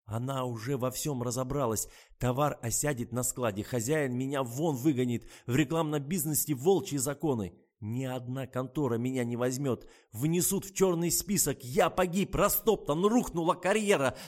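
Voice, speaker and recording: A man reading an audiobook, voicing a pushy young ad man who rants and panics loudly. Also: mid-range voice, steady tone, moderate pace, hardly any pauses, natural voice. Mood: despairing. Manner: loud, ranting.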